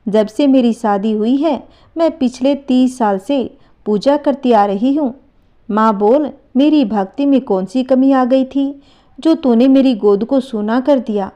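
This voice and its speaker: Pleading elderly mother, wailing lament, mellow tone, a little high, as a woman narrator puts her on. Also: measured pace, muffled recording. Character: grieving devout old mother, elderly woman. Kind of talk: storytelling narration.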